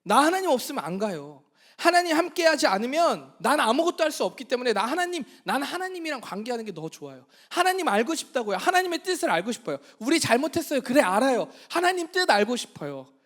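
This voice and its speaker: A man's voice: high-pitched, sing-song, brisk. A male pastor voicing Moses, who pleads and whines insistently to God, refusing to go on without him. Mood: pleading.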